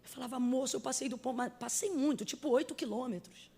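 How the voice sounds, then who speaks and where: A woman from Brazil preaches to a church congregation in a very high, gravelly voice. She tells her story with drama and rises into shouted, fervent exhortation. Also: fast. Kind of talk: emotional sermon.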